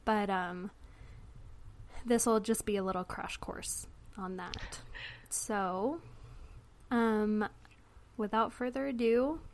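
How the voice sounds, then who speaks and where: A woman hosting a podcast in a casual, chatty way, laughing often and filling pauses with "um". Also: mid-range voice. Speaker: podcast host.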